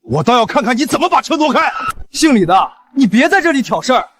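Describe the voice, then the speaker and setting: An actor playing a mocking, contemptuous young rival who looks down on others. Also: male voice, very high voice, big pitch swings, fast talker, a bit bright, slight background noise, heavily acted. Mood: scornful. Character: sneering young male rival, rich snob. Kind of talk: short drama acting.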